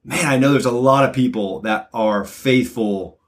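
A man from North Jersey, a church elder, chatting casually and rambling, self-deprecating and quick to laugh. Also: mid-range voice. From North Jersey, USA. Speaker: church elder, podcast co-host. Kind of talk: casual chat.

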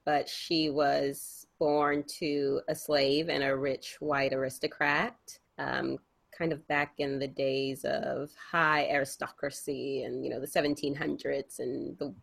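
A woman's voice: extremely low pitch, little pitch movement, measured pace, vocal fry. A young woman co-hosting a podcast, chatting casually and rambling with many fillers and restarts. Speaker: podcast co-host. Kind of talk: casual chat.

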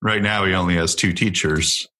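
A man's voice: deep voice, fairly even intonation, moderate pace, pushed and bright. A man co-hosting a casual family podcast, a parent who chats easily and drops dry, wry asides.

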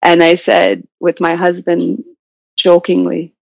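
A gravelly, lowish female voice delivers reflective interview answers in a completely flat, slow manner, hesitating as she searches for words. She is from Nunavut, Arctic Canada, a business owner learning Inuit who is here as a guest. The call audio is lo-fi, dull and roomy.

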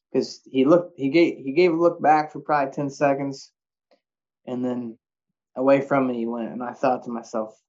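A man's voice: medium pitch, a little mellow. Man telling hunting stories, muffled audio. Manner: rambling, folksy phrasing. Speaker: deer hunter. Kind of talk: casual storytelling about hunting. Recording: dull lo-fi audio.

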